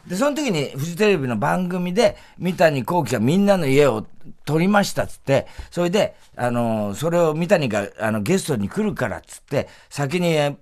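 A middle-aged man hosting a casual chat, telling animated stories and laughing often as he acts out what others said. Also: a little high, moderate pace. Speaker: host.

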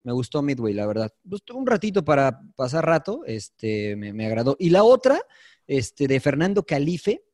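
A man's voice: medium pitch, big pitch swings, normal speed, darkish tone, dry recording, studio quality. A man with a Mexican Spanish accent, co-hosting a sports podcast, who is emphatic and often repeats himself. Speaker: podcast co-host. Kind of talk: casual sports chat.

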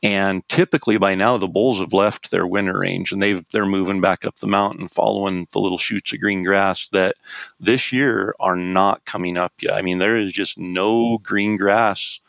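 A man with a gravelly, creaky voice on the low side, recorded dry. He gives casual outdoors advice, thoughtfully piecing it together as he talks. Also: steady tone, normal speed, a bit bright, dry recording. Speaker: elk hunting expert.

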